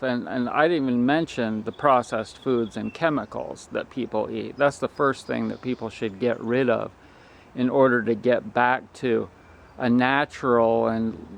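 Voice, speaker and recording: Slow, creaky-voiced man talking while chewing. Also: mid-range voice, slight background noise. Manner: blunt, preachy, deliberate phrasing with pauses. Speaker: health vlogger. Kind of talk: casual opinionated monologue to viewers.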